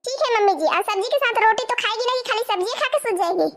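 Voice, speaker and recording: A woman's voice: very high voice, quick pace, a bit bright. A woman voicing a sassy young daughter-in-law. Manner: snappy, sarcastic back-talk. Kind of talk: cartoon voice acting.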